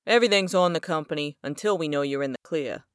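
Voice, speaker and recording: A woman's voice: low voice, fast talker, no room sound, studio quality, pitched below the performer's own voice, natural voice. A woman reading the lines of a callous, hard-boiled male detective with blunt, slangy talk.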